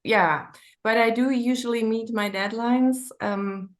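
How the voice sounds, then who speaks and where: A woman's voice: on the high side, steady tone, measured pace. A woman from Switzerland with a Swiss German accent, an author thinking aloud hesitantly in a conversational interview.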